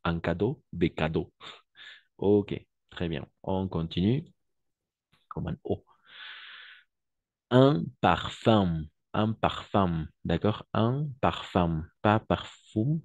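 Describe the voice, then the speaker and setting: A man's voice: low voice, slow pace, a little mellow, dry recording, dull audio. A man teaching French in an online class, patiently repeating each word and translating into Spanish. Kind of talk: online language lesson.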